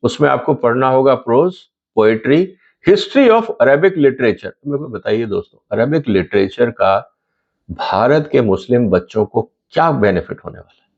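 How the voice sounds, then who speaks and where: A man's voice: medium pitch, expressive, moderate pace, gravelly, lo-fi sound. A middle-aged man hosting his own channel, giving explanatory commentary to camera and asking viewers pointed rhetorical questions.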